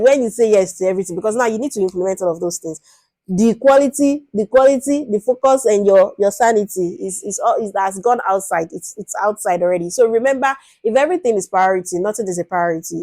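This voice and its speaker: A woman's voice: medium pitch, warm tone, no echo. A young woman from Nigeria with a Nigerian accent, giving an informal lecture on product management, often repeating words and acting out exchanges with stakeholders.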